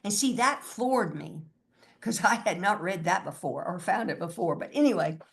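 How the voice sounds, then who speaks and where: A woman's voice: medium pitch, lively intonation, moderate pace, gravelly. A woman, older, giving a spiritual talk in a musing way, chanting mantras now and then. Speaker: spiritual teacher.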